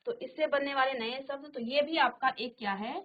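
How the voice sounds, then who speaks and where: A middle-aged woman teacher giving a classroom lesson, repeating each word slowly and asking the class questions. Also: sits high, steady tone, phone-quality sound. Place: virtual classroom studio.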